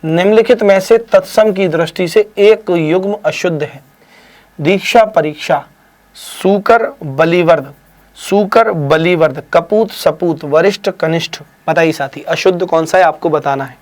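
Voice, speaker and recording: A man teaching a live online spelling quiz, who urges students to answer fast, praises them briskly, teases them, and stretches each word out slowly. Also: fairly high pitch, a little mellow. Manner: drawn-out slow spelling of words, brisk praise and teasing. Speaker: Hindi exam teacher.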